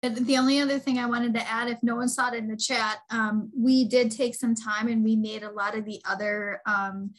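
A woman's voice: on the high side, fairly even intonation, rough recording. Helpful woman panelist on a call. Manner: quick, helpful, many "um"s. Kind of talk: virtual panel discussion.

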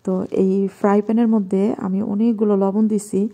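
Soft-spoken Bangladeshi woman, very dark voice. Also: mid-range voice, level tone, fairly quick. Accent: Bangladeshi Bengali. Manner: talking softly and quietly at night. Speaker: vlogger cooking at home. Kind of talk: casual cooking vlog narration. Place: home kitchen at night.

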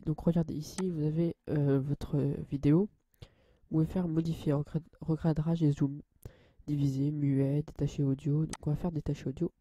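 A young man hosting a casual software tutorial, hesitant and full of fillers and restarts, addressing viewers as guys. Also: a little high, breathy edge, no room sound. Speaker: channel host.

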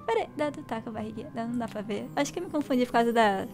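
Chatty high-voiced woman gamer. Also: very fast, music in the background. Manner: chatty, excitable, addresses viewers as gente. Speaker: gaming channel host. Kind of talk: casual let's play commentary.

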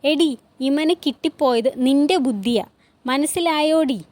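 Woman doing a father, gruff, scornful, short-tempered, brusque, storybook reading. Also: very high-pitched, unhurried, darkish tone, dry recording.

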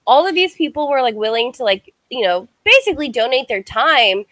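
A woman from the United States speaks as a guest streamer on a video call, telling a story in loose, chatty sentences full of "like." Her voice is bright and slightly raised in pitch. The sound is dry and close. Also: very animated, fairly quick, no echo. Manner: chatty, heavy use of "like". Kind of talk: casual interview storytelling.

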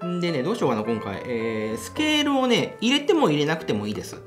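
Fairly high in pitch and swooping wildly, his quick voice fills a casual brewing demo on his coffee channel. The young host is chatty and enthusiastic, laughing through explanations in a small home café room, with music in the background.

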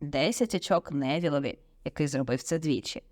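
A woman voicing a calm, kindly male wizard teacher in an audiobook, encouraging and unhurried. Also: deep voice, pitched below the performer's own voice. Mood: pleased. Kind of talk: audiobook character voice.

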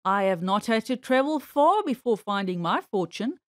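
A woman voicing a genteel elderly gentleman rabbit in a children's story, jolly and curious, speaking with polite, old-fashioned eagerness. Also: mid-range voice, big pitch swings, normal speed, no room sound, studio quality, lightly acted. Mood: musing, trusting.

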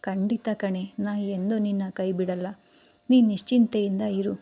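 A woman voicing a tender, teasing young husband who gently reassures his wife, read in a soft coaxing way. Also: medium pitch, fairly even intonation, a little slow, lo-fi sound.

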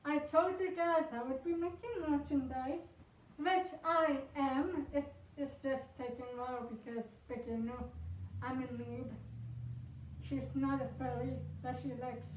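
A woman talking casually to camera from inside a costume head, rambling and halting as she goes. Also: high voice, dull audio, a little hiss or hum. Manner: rambling, halting, self-conscious. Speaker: video creator. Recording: echoey room, far from mic.

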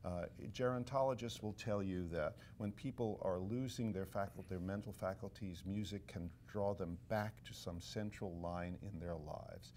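A man, a conductor and author, talking in a casual interview, explaining his ideas in a measured way. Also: sits low, darkish tone, a little hiss or hum.

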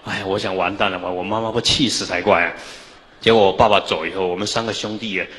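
A man preaches a Buddhist dharma talk in a temple hall. His low voice is forceful and pointed, and he tells stories broken up with drawn-out interjections. A long reverb trails his words through the hall. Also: steady tone. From Taiwan. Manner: storytelling, with frequent drawn-out interjections. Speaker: Buddhist master.

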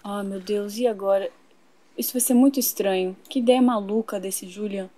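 A woman's voice: medium pitch, steady tone, normal speed, dark tone, lightly acted. A woman voicing a young toy boy who is nervous about trading places with a lookalike friend. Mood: worried. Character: toy boy swapping homes with his lookalike. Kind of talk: toy play-acting.

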